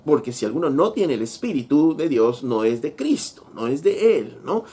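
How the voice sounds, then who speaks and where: Guy preaching a sermon, reads bible verses out loud, keeps tossing in rhetorical questions, mid-pitched voice. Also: very animated, breathy edge. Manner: measured preaching, reading scripture aloud, frequent rhetorical "¿no?". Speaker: pastor.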